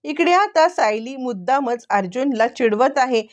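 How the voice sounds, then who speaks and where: Woman storyteller, high voice, running narration. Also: lively intonation, moderate pace. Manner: running narration, linking scenes. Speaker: storyteller recapping a serial.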